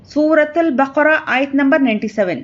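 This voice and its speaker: A woman teaching Quran reading, spelling syllables slowly and drawn out, with quick explanations of the rules in between. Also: sits high, lo-fi sound. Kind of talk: slow letter-by-letter spelling lesson.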